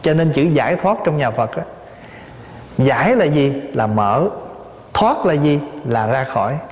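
A man's voice: medium pitch, lively intonation, unhurried. Man giving a Buddhist dharma talk. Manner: plain storytelling with rhetorical questions and light humor. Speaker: Buddhist monk teaching dharma. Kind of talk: dharma talk to lay audience. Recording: echoey hall, dull lo-fi sound.

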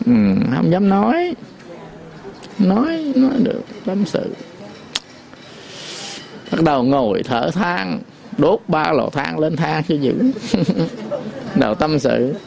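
A man giving a Buddhist sermon, folksy and repetitive, sometimes chanting verse lines slowly. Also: on the high side, expressive, vocal fry, noisy background. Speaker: Buddhist teacher.

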